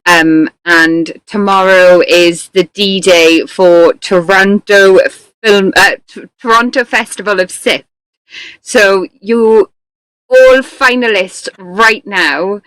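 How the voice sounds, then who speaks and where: A woman's voice: mid-range voice, slow pace, a bit bright, dry recording, rough recording. A chatty woman hosts a casual live interview show, laughing often and filling her talk with likes and ums. Her voice sits mid-range and sounds close and dry. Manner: chatty and giggly, many fillers. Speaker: host.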